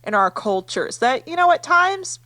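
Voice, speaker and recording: A woman's voice: sits high, very animated, normal speed, pushed and bright. A woman from the United States, a podcast guest chatting casually in a laid-back, matter-of-fact way. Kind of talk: casual chat.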